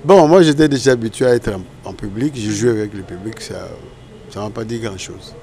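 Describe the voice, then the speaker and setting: An older Congolese man, guest in a casual interview, recollects his story in a rambling way and often corrects himself. His voice sits on the low side and moves briskly, with a noisy background behind him.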